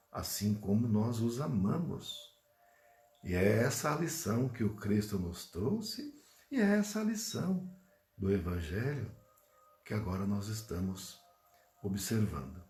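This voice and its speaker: A Brazilian Portuguese man gives a spiritual talk, telling a story animatedly before a hushed closing prayer. His pitch rises and falls widely, and his middle-range voice is steady. The room adds a clear echo. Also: unhurried. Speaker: Spiritist lecturer. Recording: roomy echo.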